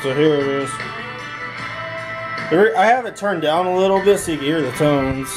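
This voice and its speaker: Music plays behind a young man with a fairly high voice as he hosts his home vlog at a moderate pace, and the audio is poor. He's doing a casual demonstration in his bedroom and home workshop, holding the camera or phone himself.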